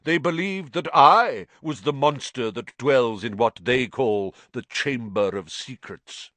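A man voicing an ancient male giant spider, croaking and grave, speaking slowly in a storybook reading. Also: medium pitch, fairly bright tone, dry recording, pitched above the performer's own voice. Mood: fretful. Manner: slow, grave pronouncements.

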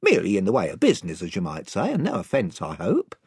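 A man's voice: low voice, wildly swooping pitch, fast talker, gravelly, darkish tone, breathy edge, dry recording, clean studio sound, pitched below the performer's own voice, heavily acted. A man voicing a bumbling, long-winded male village chief who is invisible, talking in a folksy, rambling way. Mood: blandly menacing. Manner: rambling, folksy, comically polite threats. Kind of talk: audiobook reading.

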